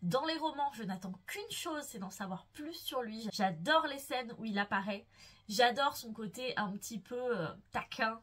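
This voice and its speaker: A young woman chatting casually about her favorite books, gushing and playful, swooning over the characters she loves. Her voice sits a little higher than most. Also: expressive, normal speed, fairly bright tone. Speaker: book vlogger. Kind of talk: casual enthusiastic book chat.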